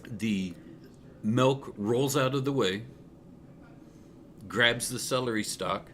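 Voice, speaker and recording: A man narrating a tabletop game as game master, playful and lively. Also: medium pitch, takes it slowly, background noise.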